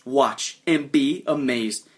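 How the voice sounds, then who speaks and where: A man voicing a young male adventurer who poses as a stage magician, announcing himself loudly and grandly in a tabletop role-play game. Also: medium pitch, slow pace, close to an everyday voice. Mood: grandiose. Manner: loud, grandiose showman announcing.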